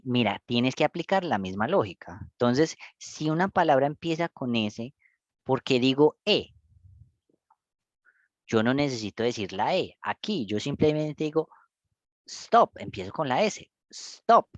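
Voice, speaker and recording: A man's voice: mid-range voice, expressive, normal speed, dry recording. Man, English teacher, patient step-by-step explaining, lo-fi, dry. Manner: patient, explains step by step with frequent checks like "¿cierto?" and "listo". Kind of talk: one-on-one online English lesson.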